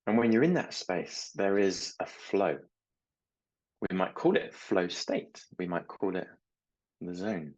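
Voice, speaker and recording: A middle-aged man and mindset coach talking slowly and reflectively, telling small stories about his children. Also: deep voice, lively intonation, a little mellow, highs cut off. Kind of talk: reflective talk to camera.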